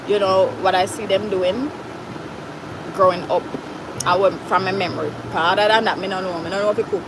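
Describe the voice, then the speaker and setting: A livestream host with a Jamaican accent chats casually, reading viewer comments aloud and dropping in Patois phrases. Her voice sits in the mid range, with background noise audible.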